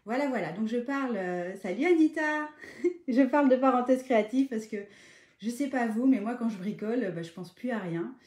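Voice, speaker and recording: A woman hosting a live craft tutorial, chatting casually, greeting viewers by name and filling pauses with hesitations. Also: a little high, lively intonation, darkish tone. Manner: chatty, greets viewers by name mid-sentence, many fillers.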